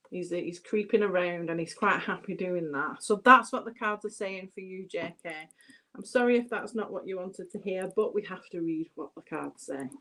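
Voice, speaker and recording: A British woman giving a chatty live tarot reading, addressing viewers by name and thinking aloud as she turns the cards. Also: on the low side. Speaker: tarot reader.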